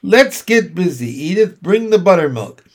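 A man voicing a hearty, bossy storybook farmer with a loud, commanding manner. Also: high voice, big pitch swings, moderate pace, voice pushed up. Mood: brisk, cheerful.

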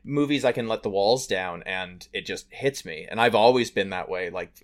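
Low-pitched man in earnest podcast talk. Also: normal speed. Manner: earnest, self-reflective. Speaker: podcast co-host. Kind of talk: casual film discussion.

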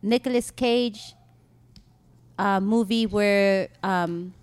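A woman's voice: medium pitch, extremely slow, clean tone. A woman co-hosting a podcast in casual chat, rambling and laughing at herself. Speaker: podcast co-host.

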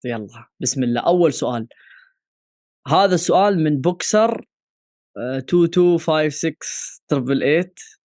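A man's voice: on the high side, lively intonation, measured pace, long pauses, darkish tone, no echo, studio quality. A man with a Gulf Arabic accent co-hosting a podcast, chatting casually and posing questions, with some English words mixed in. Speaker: boxing podcast co-host.

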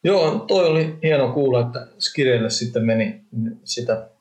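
A man interviewing a guest casually, with short encouraging replies. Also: medium pitch. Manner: brief, encouraging backchannels. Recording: roomy echo.

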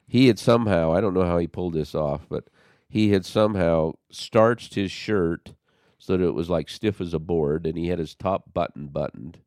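A man's voice: low voice, moderate pace, dry recording, clean studio sound. A man hosting a conversation, telling a personal story with animation and acting out what people said. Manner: animated storyteller, acts out quotes.

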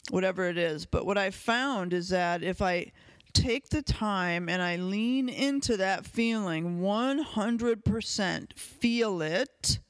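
A man with a notably high voice talks through a reflective self-help monologue as a podcast host. He is candid and conversational, leaning on fillers and the occasional swear word. The sound is dry and close, with no room around it. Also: fairly bright tone, no room sound.

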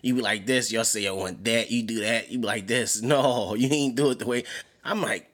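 A man's voice: medium pitch, fairly even intonation, normal speed, a bit bright. A man hosting a casual chat show, talking in a laid-back, slangy way and laughing often. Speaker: podcast host.

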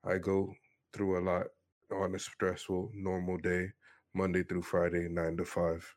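A man's voice: low voice, monotone, measured pace, darkish tone. A man in his twenties from Miami tells his personal story in an earnest, matter-of-fact way during a casual interview. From Miami, Florida, USA. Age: 20s.

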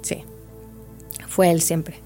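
A woman's voice: extremely slow, warm tone, faint music behind. A woman guest in a podcast interview, reflectively telling a personal story and repeating words for emphasis.

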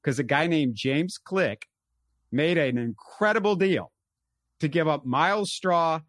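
A man's voice: on the high side, unhurried, dry recording. Sports-talk host man, dry sound. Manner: animated, talks in bursts with fillers. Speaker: podcast host.

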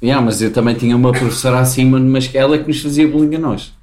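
Man, Lisbon accent, casual storytelling, slangy and sweary, mid-pitched, roomy sound. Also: steady tone, rapid-fire, darkish tone, slight background noise. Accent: Lisbon Portuguese. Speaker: podcast guest or co-host. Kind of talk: casual chat, telling childhood anecdotes. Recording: echoey room.

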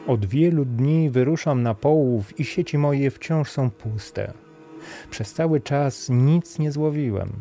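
A man voicing a poor young fisherman, earnest and gentle, speaking plaintively. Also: medium pitch, slow, soft background music, pitched above the performer's own voice.

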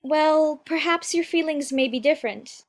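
A man's voice: very high-pitched, normal speed, pitched above the performer's own voice. A man voicing a polite, anxious little girl in a storybook, with a shy and hesitant way of talking. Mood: earnest. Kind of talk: storybook character voice.

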